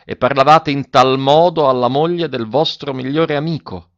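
A man's voice: medium pitch, normal speed, no echo, highs cut off, pitched above the performer's own voice, natural voice. Proud wounded young woman, read by a man. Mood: indignant.

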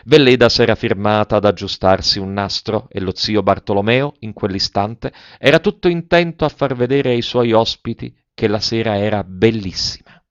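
A male narrator reads a classic novel in a measured, expressive style, his voice sitting low. The sound is dry and close, with a dull, muffled tone. It feels like a plain home audiobook recording. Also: no echo. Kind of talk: audiobook reading.

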